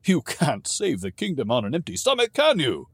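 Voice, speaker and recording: High, loud, jolly dwarf king, storybook reading. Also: moderate pace, creaky, slightly rough, dry recording, exaggerated voice. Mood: eager host. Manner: booming, exuberant, excitable. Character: boisterous jovial male dwarf king.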